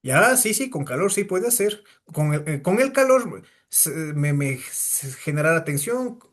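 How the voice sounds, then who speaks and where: A man's voice: on the high side, big pitch swings, measured pace, fairly bright tone. A man teaching a physics class, lecturing and firing questions at his students. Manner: asks the class many rhetorical questions.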